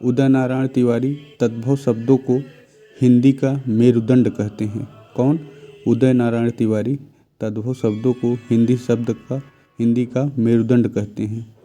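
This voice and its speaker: A man's voice: mid-range voice, flat delivery, a little slow, mellow, soft background music. A man teaching Hindi grammar, reading each sentence and declaring it correct or incorrect, sometimes asking quiz-style questions and answering them himself. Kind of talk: spoken grammar lesson.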